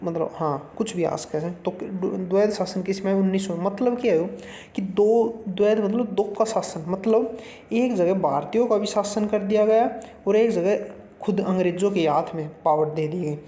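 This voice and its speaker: Folksy teacher in an echoey room. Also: male voice, sits high, moderate pace, mellow. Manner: folksy, chatty, calls the viewer brother; mixes Hindi with English terms. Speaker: exam-prep teacher. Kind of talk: casual exam-prep lesson. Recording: roomy echo.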